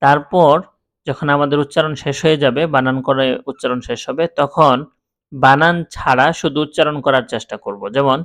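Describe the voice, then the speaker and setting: A man teaching Quran reading, spelling out letters in a slow, drawn-out drill and then explaining calmly. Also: mid-range voice. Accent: Bangladeshi Bengali. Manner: drawn-out, deliberate recitation of letters.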